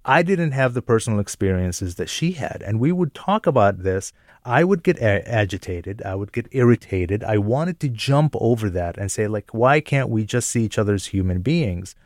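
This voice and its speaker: Man from Jordan, low voice, reflective storyteller on a radio chat, dry studio sound. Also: expressive, normal speed, darkish tone, no room sound. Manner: thoughtful, self-reflective, laughs easily. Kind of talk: conversational radio chat, telling personal stories.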